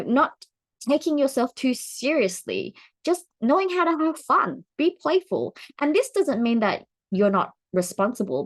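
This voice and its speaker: Vlogging to camera, this forties-aged woman keeps things light and talkative. She laughs frequently, and excitement sends her voice swinging higher.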